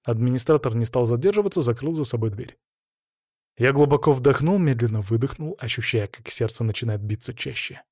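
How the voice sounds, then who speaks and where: Steady male storyteller. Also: mid-range voice, a little fast, no room sound, clean studio sound. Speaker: narrator. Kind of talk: scripted first-person narration.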